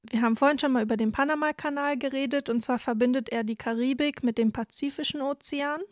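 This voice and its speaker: On a relaxed podcast, a young woman born in Peru co-hosts, mixing chat with prepared facts and poking fun at herself. Her voice sits on the high side, and the studio-quality recording is dry.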